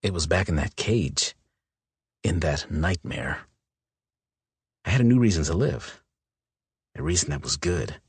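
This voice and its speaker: A man voicing a gruff, protective werewolf man in an audiobook, talking low, tight and intense. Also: lively intonation, unhurried, pauses often, no echo, heavily acted. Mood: tender. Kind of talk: audiobook character voice.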